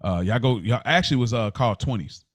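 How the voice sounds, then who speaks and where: This man co-hosts a podcast and talks fast, telling personal anecdotes casually while often repeating himself and restarting phrases. His voice is mid-range and animated, and the recording is dry.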